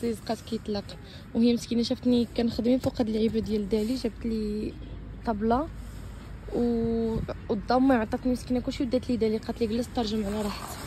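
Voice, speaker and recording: A travel vlogger in her twenties with a Moroccan Arabic accent chats into a phone held at arm's length at a campsite and street market outdoors in China. Her slightly high voice races along with flat delivery, slipping into English phrases. Loud background music plays, with slight background noise.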